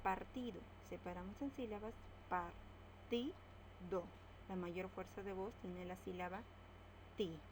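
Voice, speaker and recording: A woman teaching a grammar lesson, slowly spelling out words and stressing each syllable. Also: medium pitch, fairly even intonation, background noise.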